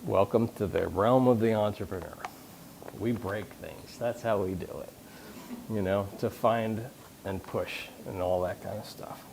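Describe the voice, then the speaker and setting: A man's voice: lowish voice, measured pace, vocal fry, a little mellow, a little hiss or hum. A man speaking to a live conference audience about leadership, casual and joking, with frequent restarts and questions to the room. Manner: conversational, jokey, many restarts, asks the audience questions.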